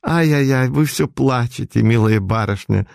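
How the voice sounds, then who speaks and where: A man's voice: medium pitch, normal speed, gravelly, a little mellow, in a large hall, close to an everyday voice. A man voicing a scheming, nervous villain who wheedles and snaps rudely. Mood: wheedling. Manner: wheedling, then snapping rudely.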